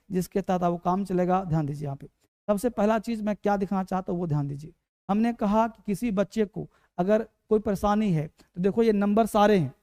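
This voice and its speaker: A man's voice: high voice, dark tone. Hindi-accented man drilling English sounds. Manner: repetitive, drills pronunciation aloud. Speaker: English teacher. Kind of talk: online spoken-English class.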